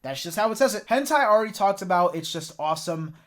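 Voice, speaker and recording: A man's voice: high-pitched, expressive, quick pace, fairly bright tone. An American man giving a casual, jokey rundown of his favourite albums, swearing freely and stumbling over his words now and then. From United States. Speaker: music reviewer. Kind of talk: casual album-ranking commentary.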